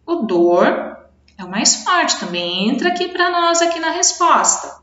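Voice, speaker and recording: Bright-voiced Brazilian woman teaching in an echoey room. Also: very high-pitched, big pitch swings. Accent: Brazilian Portuguese. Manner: patient, explains slowly, repeats words and stresses syllables. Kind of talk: remote video lesson for children. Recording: echoey room, dull lo-fi sound.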